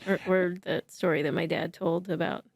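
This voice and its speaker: A woman's voice: on the low side, steady tone, normal speed, gravelly, dry recording, clean studio sound. A heavily pregnant woman co-hosting a casual chat show, teasing dryly and laughing often. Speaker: co-host.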